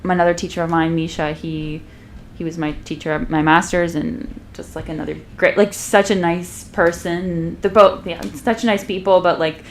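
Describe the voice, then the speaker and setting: Young woman podcast guest, lowish voice, rambling and laugh-prone. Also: fairly even intonation, moderate pace, slight background noise. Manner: rambling, many fillers and restarts, laughs often. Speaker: podcast guest, violist and comedian. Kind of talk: casual interview chat.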